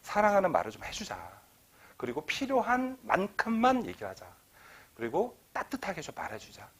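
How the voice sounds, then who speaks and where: In a lecture hall, a middle-aged man gives an author talk to an audience, telling stories with animation and acting out quoted dialogue. His voice sits high and slightly rough, at a moderate pace.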